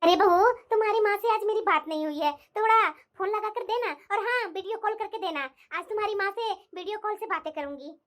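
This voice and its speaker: A woman's voice: very high voice, a little fast, hardly any pauses, fairly bright tone. Woman voicing a bragging cartoon mother-in-law. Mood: scheming. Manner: bragging, taunting, sweetly fake on the phone. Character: boastful scheming middle-aged mother-in-law, show-off. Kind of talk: cartoon voice acting.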